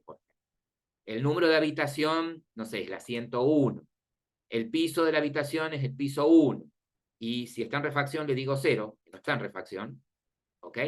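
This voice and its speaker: A male teacher leads a lecture in a voice of ordinary pitch. He talks casually and kindly, walking through each step and pausing now and then to check that the class is following along. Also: a bit bright. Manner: explains step by step, checks in often with "¿sí?" and "¿ok?"; informal and friendly with students.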